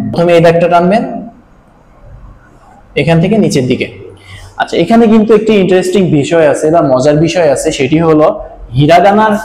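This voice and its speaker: A man's voice: high-pitched, a little mellow. Patient man teaching, echoey room. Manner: patient, step-by-step explaining with filler "আহ". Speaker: Japanese language teacher. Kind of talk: video lesson on writing hiragana.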